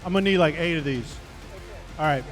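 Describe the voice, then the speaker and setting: A man's voice: fairly high pitch, brisk, in a large hall, faint music behind. A man hosting a casual segment on a show, upbeat and jokey with his guest. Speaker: segment host.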